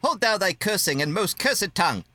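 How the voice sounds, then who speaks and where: A man's voice: sits high, big pitch swings, moderate pace, sharp tone, exaggerated voice. A man voicing a fussy, anxious protocol droid in an amateur Shakespearean table read, scolding in verse.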